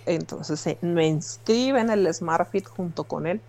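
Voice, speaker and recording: A woman with a Mexican accent giving a personal testimony in an interview, telling her story in a lively way with frequent fillers. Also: fairly low pitch, measured pace.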